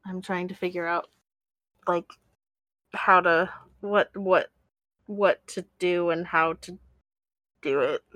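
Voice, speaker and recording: A woman takes part in a tabletop game and talks slowly, in a lowish voice. She hesitates and thinks aloud as she works out her next move. Her tone is casual and easygoing. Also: steady tone, a bit bright. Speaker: player.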